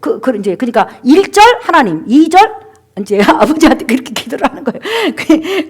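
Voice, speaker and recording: A woman pastor preaching a sermon and telling a testimony, calling for amens and asking the congregation questions. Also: high voice. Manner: exhorting, calls for amens, rhetorical questions to the congregation; acts out quoted people in her stories.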